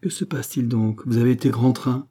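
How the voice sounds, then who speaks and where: A man's voice: medium pitch, fairly even intonation, brisk, dark tone, close to an everyday voice. A man voicing a weary, resigned king. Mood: troubled. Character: weary, resigned middle-aged male king.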